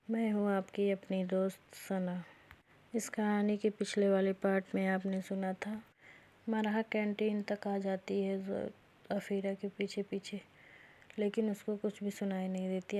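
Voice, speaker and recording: A woman's voice: mid-range voice, warm tone. A woman hosting a storytelling channel, chatting casually as she retells a romance story and speaks the characters' lines in her own voice. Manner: chatty, retells dialogue plainly without doing voices.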